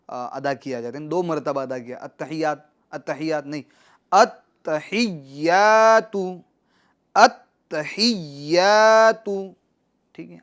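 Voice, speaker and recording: Smooth-voiced man teaching recitation. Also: fairly high pitch. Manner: recites words slowly, then explains rules quickly and quietly; repeats drills patiently. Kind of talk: televised pronunciation lesson.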